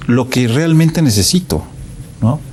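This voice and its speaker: A man's voice: mid-range voice, expressive, unhurried, a little mellow, a little hiss or hum. A man, a guest in a casual faith chat, who speaks in a thoughtful, hesitant way with frequent fillers.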